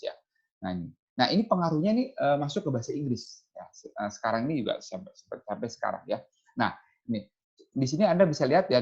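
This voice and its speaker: A man's voice: mid-range voice, lo-fi sound. A man giving a lecture over slides, explaining point by point and dropping "ya" and "nah" between phrases. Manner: explains step by step, often adds "ya" and "nah".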